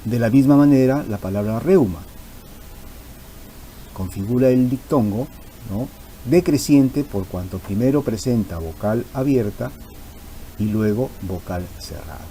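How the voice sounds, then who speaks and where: Male teacher, warm low voice, patient and repetitive, faint hiss behind. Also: animated, a little slow, long pauses, rough recording. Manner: patient, repeats key terms for emphasis. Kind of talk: explanatory grammar lesson.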